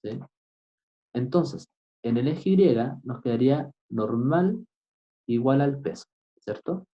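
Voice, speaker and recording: A man teaching physics, explaining a problem step by step and often pausing to ask his students if they follow. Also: mid-range voice, expressive. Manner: keeps asking "right?" to check understanding; patient, step-by-step. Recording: dull lo-fi recording.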